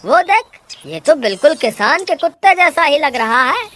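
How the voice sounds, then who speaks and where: A woman voicing a foolish scheming village trickster man in a cartoon, who calls out excitedly. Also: high-pitched, moderate pace. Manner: excited, calling out loudly. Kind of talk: Hindi cartoon voice acting.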